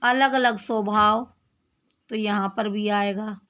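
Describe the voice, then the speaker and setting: A woman teaching a grammar lesson, explaining slowly, repeating phrases and asking questions of her class. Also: medium pitch, fairly even intonation, fairly bright tone, lo-fi sound.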